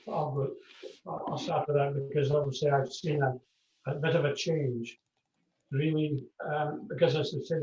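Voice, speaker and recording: A Scottish man answers an interviewer's questions, relaxed and explanatory, often repeating words as he thinks. He sounds set back from the mic on a dull, lo-fi line. Echo from the room hangs on his voice. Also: medium pitch. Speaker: piper. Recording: distant, dull, echoey call audio.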